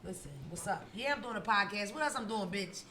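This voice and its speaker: A woman's voice: mid-range voice, lively intonation, brisk, roomy sound, very noisy. A woman hosting a podcast, telling stories in brash, profane casual chat and laughing often. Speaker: podcast host.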